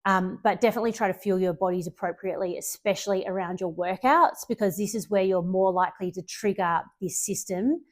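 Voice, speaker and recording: A woman coaching her clients through a relaxed spoken tutorial. She talks in a loose, chatty way at a middle pitch, filling gaps with ums and correcting herself as she goes. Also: brisk, hardly any pauses. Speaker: fitness coach.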